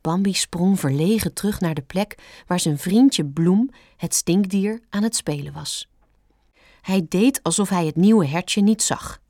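A woman reading a children's storybook aloud, calm and gentle, with expressive turns. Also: lowish voice, measured pace, dry recording, studio quality. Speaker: narrator.

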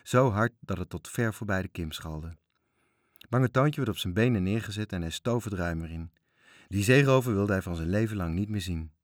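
A man's voice: on the low side, moderate pace, dry recording, clean studio sound. A man reading a children's story aloud, expressively, voicing the characters. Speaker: narrator.

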